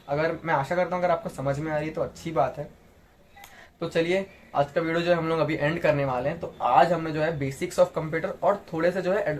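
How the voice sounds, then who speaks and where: A man's voice: fairly high pitch, a little hiss or hum. A man teaching a casual computer basics class, chatty, often checking in with the listener and restarting his words. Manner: chatty, repeats "theek hai" and "dekhiye", frequent restarts. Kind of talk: casual Hindi tutorial lecture.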